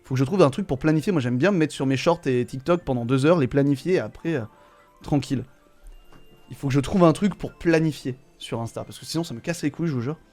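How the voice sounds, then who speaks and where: A man's voice: medium pitch, quick pace, soft background music. A man streaming live, casually reading and answering his chat, swearing and laughing along. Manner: relaxed, swears, laughs often, talks to chat.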